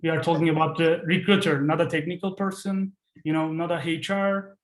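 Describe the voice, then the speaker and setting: A man who is a non-native English speaker, leading an informal session in a halting, repetitive teaching manner. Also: fairly high pitch, level tone, roomy sound, poor audio. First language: not English. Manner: halting, repeats phrases. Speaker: host leading a career session. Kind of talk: informal teaching, asking the group questions.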